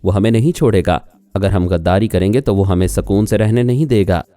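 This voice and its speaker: A man's voice: fairly low pitch, warm tone, no echo, lightly acted. A man voicing a hot-tempered male agent who answers curtly and irritably, in an audiobook reading. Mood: irritated. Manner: curt, irritable.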